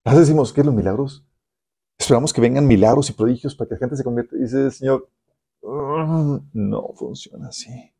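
Guy preaching to the youth group, lively, warm mellow voice, keeps asking questions. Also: mid-range voice, rapid-fire, slightly rough. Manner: animated, addresses listeners directly with rhetorical questions. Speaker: youth pastor. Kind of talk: sermon.

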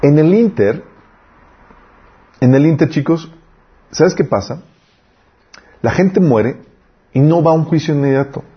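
A man's voice: a little high, expressive, a little slow, long pauses, breathy edge, dull audio. A man teaching an informal Bible class in a conversational way, often checking with the class for agreement. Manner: conversational, asks the class for confirmation.

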